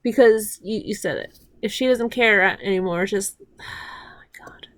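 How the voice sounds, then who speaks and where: With a mid-range voice at a moderate pace, this woman does casual watch-along commentary as a reaction commentator. She rambles through recaps of scenes with restarts and swears, getting heated, when something annoys her.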